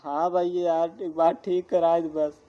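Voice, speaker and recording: Man acting a whiny, high-pitched town drunk. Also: level tone, measured pace, highs cut off, close to an everyday voice. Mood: pleading. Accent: eastern Uttar Pradesh. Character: pleading village drunkard husband, whining and bewildered. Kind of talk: amateur comedy skit acting.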